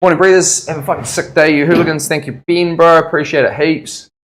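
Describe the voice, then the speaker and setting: A man's voice: a little high, fairly even intonation, a little fast, a bit bright. Laid-back man with broad Kiwi accent. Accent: New Zealand. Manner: laid-back, slangy, matey. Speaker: tattoo artist hosting a livestream. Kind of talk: casual livestream chat.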